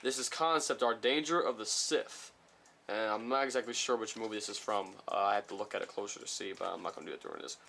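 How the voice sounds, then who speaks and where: A man chatting casually while unboxing trading cards, rambling and reading each card title aloud slowly, a little sick. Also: on the low side, creaky, sharp tone, slight background noise. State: slightly sick. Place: small room at home.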